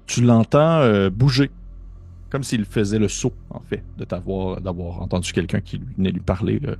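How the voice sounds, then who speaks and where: A man's voice: on the low side, fairly even intonation, normal speed, creaky, a little mellow, slightly rough. A man with a Québécois accent narrating a tabletop horror game as game master, hesitant with many fillers and restarts.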